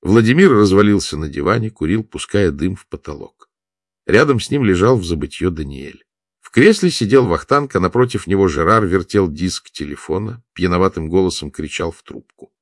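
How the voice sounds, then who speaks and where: A man narrating a war story in a steady, measured reading. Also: deep voice, no room sound, studio quality. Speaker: audiobook narrator. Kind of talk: scripted narration.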